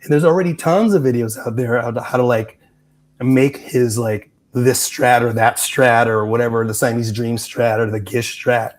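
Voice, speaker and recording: A man talks casually while recovering from losing his voice, so his voice sounds worn. His talk is chatty and full of "like", at an ordinary pitch for a man. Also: normal speed. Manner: chatty, says "like" a lot. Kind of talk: casual chat.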